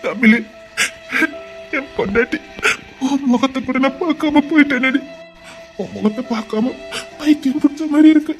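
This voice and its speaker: A woman with a Tirunelveli Tamil accent voicing a remorseful husband and father, her voice pushed much lower and sounding muffled. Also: moderate pace, long pauses, soft background music.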